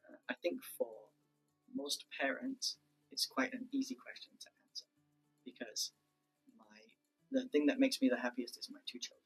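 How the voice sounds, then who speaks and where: This UK teacher in his thirties fields his pupils' questions cheerfully and easily, filling gaps with plenty of ums. His husky, slightly bright mid-range voice swings widely in pitch at a moderate pace. The low-quality recording carries soft background music.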